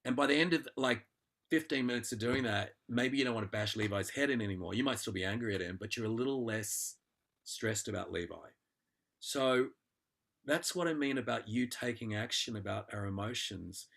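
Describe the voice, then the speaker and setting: A man's voice: medium pitch, normal speed, creaky, a bit bright. A man, an actor and acting teacher, talking through an exercise in a conversational interview and acting out inner thoughts in quotes.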